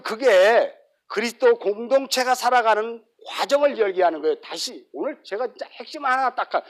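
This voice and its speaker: High-voiced man preaching with lively swings. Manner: lively, acts out everyday quotes, sudden drops to soft asides. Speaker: pastor. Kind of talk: sermon.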